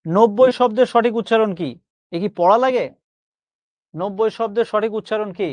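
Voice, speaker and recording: A man's voice: sits high, normal speed, a little mellow, no room sound. A man teaching a pronunciation class online, reassuring his students and slipping English phrases into his lecture.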